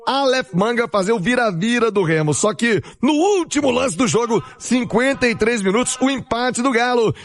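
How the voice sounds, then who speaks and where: A Brazilian male sports presenter recaps a football match for radio. His voice is high-pitched, and he speaks in emphatic, punchy phrases. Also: animated, moderate pace, few pauses.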